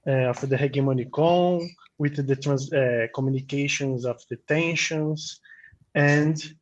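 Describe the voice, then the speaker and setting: A man's voice: mid-range voice, steady tone, measured pace. A man whose first language is Portuguese asks a question on a video call, groping for words with many fillers. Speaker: seminar participant asking a question. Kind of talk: academic question. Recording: dull muffled call audio.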